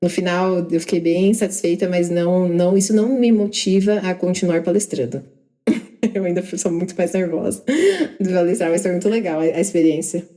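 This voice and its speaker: Brazilian woman, young adult, mellow warm voice, chatty podcast co-host, animated and self-deprecating. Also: lowish voice. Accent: Brazilian Portuguese. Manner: animated, self-deprecating, quick asides with laughter. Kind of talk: casual storytelling chat.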